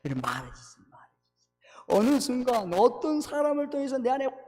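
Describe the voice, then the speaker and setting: A man preaching with fervor in a church sanctuary, his high voice leaping and falling in lively swings. He shifts between ringing exhortation and near-whispers. The sound carries a long reverb from the hall. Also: brisk, soft background music. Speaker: pastor. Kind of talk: sermon.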